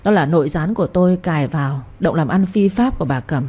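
A woman voicing a cunning young master who explains his plans calmly. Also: deep voice, quick pace, breathy edge.

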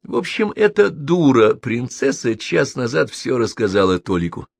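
A flippant, sharp-tongued young man, put on by a male reader, jokes even when he's in trouble and snaps when pushed. His voice sits well above the reader's own, in a dry close recording. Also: medium pitch, vocal fry, no room sound, voice pushed up. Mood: flustered. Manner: sharp, quick-tempered, joking.

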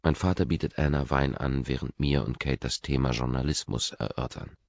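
A man reading a first-person audiobook narration in a measured, restrained way, on a dry, dull lo-fi recording. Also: extremely low pitch, gravelly, no room sound.

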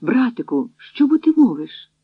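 A reader voicing a frightened, gentle young woman captive who pleads tearfully with her brother. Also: a little high, big pitch swings, moderate pace, breathy edge, dry recording, pitched above the performer's own voice. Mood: alarmed. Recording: dry, tinny phone-like audio.

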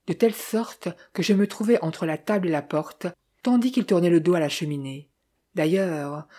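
A woman reads a detective novel aloud in the first person, keeping a measured, even storytelling pace. Her voice is low and mellow, with a husky grain. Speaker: audiobook reader.

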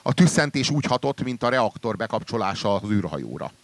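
A man reading a literary story aloud in a measured way, trailing low and quiet at the ends of sentences. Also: sing-song, dry recording. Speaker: reader.

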